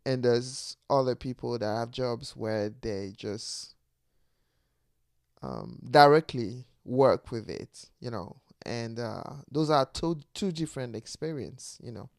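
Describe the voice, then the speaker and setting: Man, foreign accent, casual reflective monologue, laughs a lot, smooth clear voice, dry close sound. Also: mid-range voice, takes it slowly, no echo. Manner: laughs often while talking; speaks with a non-native accent. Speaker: podcast host.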